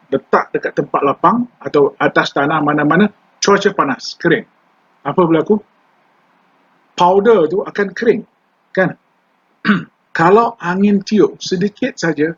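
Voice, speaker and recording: Older Malaysian trainer, husky, a bit high, chatty lecture, lo-fi dull recording. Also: male voice, a bit bright. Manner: conversational, mixes English terms into Malay, quizzes the class. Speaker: environmental law trainer.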